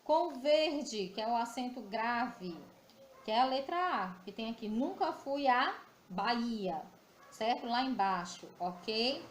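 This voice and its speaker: A woman's voice: fairly high pitch, expressive, slow. A Brazilian woman teaching a recorded grammar lesson to primary school children. She explains patiently and often checks in with the class. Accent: Brazilian Portuguese. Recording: echoey room with faint background noise.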